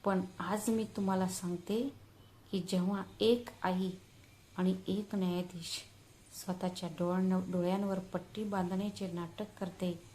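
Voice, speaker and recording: A woman voicing a stern older woman who is a judge and a mother, speaking in a solemn, measured way in a narrated story. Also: on the low side, warm tone, slight background noise, natural voice.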